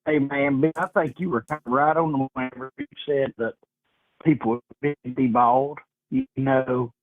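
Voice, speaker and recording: A man's voice: medium pitch, normal speed, dry recording. Man on a phone line that keeps breaking up. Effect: bad phone connection, breaking up. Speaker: caller. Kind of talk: casual call-in chat. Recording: dry, tinny phone line.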